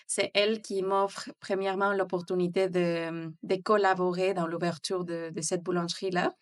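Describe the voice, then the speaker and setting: A woman's voice: on the low side, little pitch movement, moderate pace. Woman, hesitant. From Mexico City, Mexico. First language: Spanish. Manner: hesitant, many fillers and restarts. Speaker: guest, bakery founder. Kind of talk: interview, casual conversation.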